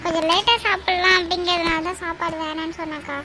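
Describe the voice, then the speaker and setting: A woman voicing a meek, hurt young woman in a cartoon, speaking softly and hesitantly. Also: very high voice, flat delivery, fast, rough recording. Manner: hesitant, soft. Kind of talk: cartoon voice acting. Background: music.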